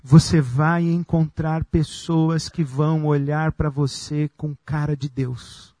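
A man preaching a sermon as pastor, slow and emphatic with long pauses. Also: on the high side, flat delivery, mellow, no echo.

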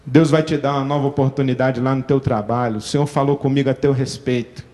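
A man with a Brazilian accent playing a smooth, manipulative pastor who coaxes a churchgoer in a mock-earnest voice. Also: mid-range voice, fairly even intonation, quick pace, a little mellow, long reverb tail, pitched below the performer's own voice, close to an everyday voice. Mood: flattering. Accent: Brazilian Portuguese.

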